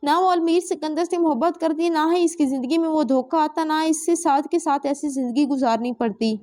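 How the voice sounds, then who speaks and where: Woman narrator, Pakistani Urdu accent, high voice, dramatic audiobook reading of a romance novel, voices all parts herself. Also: a little fast, warm tone. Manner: reads all characters' dialogue in her own voice.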